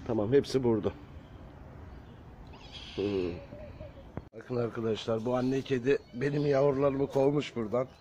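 A man talking casually to viewers in a garden, gently coaxing cats. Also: medium pitch, muffled recording, a little hiss or hum. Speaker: vlogger caring for stray kittens. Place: outdoor garden.

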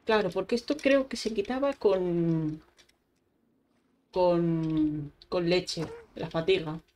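A woman's voice: fairly low pitch, slow pace, a little mellow. A young woman giving chatty Minecraft gameplay commentary, talking to herself as she plays. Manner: chatty, talks to herself while playing, frequent exclamations. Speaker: gaming YouTuber. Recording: faint keyboard typing and clicks behind.

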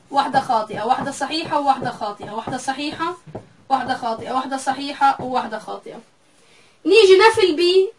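A woman's voice: sits high, fairly bright tone, far from the mic, rough recording. A woman teaching a math lecture. She goes step by step and says each value aloud more than once.

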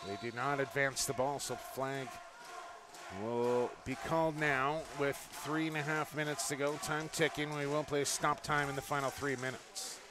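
A man giving live lacrosse play-by-play, brisk and rising to excited calls on goals. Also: medium pitch. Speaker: play-by-play commentator. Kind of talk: live sports commentary. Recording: noisy outdoor ambience behind the mic.

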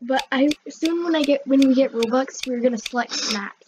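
High-voiced playful woman. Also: a little fast. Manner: playful, giggly side comments. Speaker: co-player. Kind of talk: casual chat. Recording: dull lo-fi mic with faint hiss.

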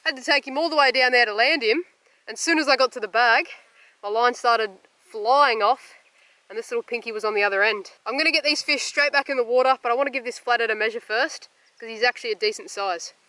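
A man's voice: very high-pitched, quick pace, pushed and bright, no echo. An Australian man recording a fishing vlog outdoors on a grassy shoreline, chatting upbeat and explaining his tackle and tips as he goes. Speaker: fishing vlogger. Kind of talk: casual to-camera fishing commentary.

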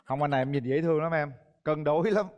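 A man's voice: a little high, fast talker, dull audio. A middle-aged man with a Southern Vietnamese accent, hosting a dating show with playful interview questions. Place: TV studio stage with audience. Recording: reverberant studio, loud music behind.

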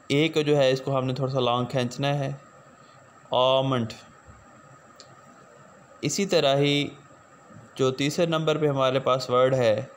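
Man slowly teaching pronunciation. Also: medium pitch, a little hiss or hum. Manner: slow, repeats each word twice. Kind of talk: pronunciation lesson.

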